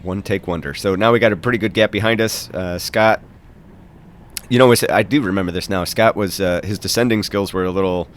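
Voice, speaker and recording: Stuffed up with a head cold, a man narrates a recap of his own bike race in a low voice at a brisk pace, chatty, rambling and self-deprecating. There's slight background noise.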